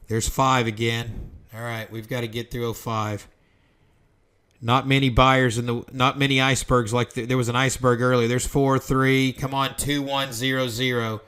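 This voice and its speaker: Man flatly calling price ticks live. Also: mid-range voice, moderate pace. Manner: talks to himself over the ticks, calling prices in short bursts. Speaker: trader and trading educator. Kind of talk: live trading commentary on screen.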